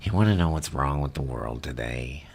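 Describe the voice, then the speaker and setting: Very deep, gravelly Joker. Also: male voice, expressive, slight background noise, heavily acted. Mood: bitter, menacing. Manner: drawn-out, breathy, whispering, mocking theatrical delivery. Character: theatrical, menacing male madman crime boss, mocking showman. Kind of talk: ASMR roleplay acting.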